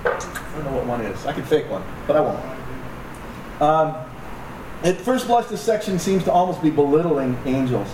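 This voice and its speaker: A pastor with a rather high voice and lively intonation preaches to his congregation at normal speed, pausing often, joking conversationally and making asides to the audience. The recording is noisy and echoey, with a distant mic.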